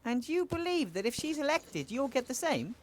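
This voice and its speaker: A woman's voice: sits high, big pitch swings, moderate pace, no room sound. An actress playing a cheerful, curious young woman mage who asks questions in a friendly way. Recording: game audio with faint music.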